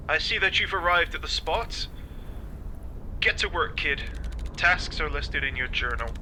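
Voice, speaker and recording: Bossy old sea dog, forceful. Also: male voice, on the high side, slight background noise, rough recording. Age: older. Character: gruff old sailor, bossy mentor to a rookie. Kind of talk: video game character acting.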